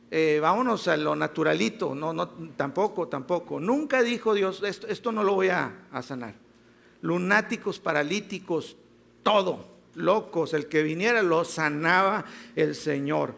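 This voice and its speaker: A man preaching a church sermon, lively, acting out quoted voices and repeating words for emphasis. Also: high voice, creaky.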